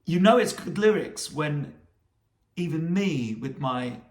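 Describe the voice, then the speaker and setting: A man's voice: fairly high pitch, animated, slow pace. A British man hosting a music talk, reading lyrics aloud and praising them with enthusiasm. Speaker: host. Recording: roomy echo.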